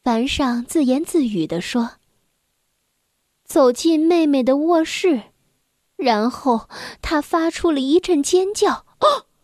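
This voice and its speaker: A woman reading a children's storybook aloud in a gentle, unhurried storytelling manner. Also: sits high, animated, dry recording, clean studio sound.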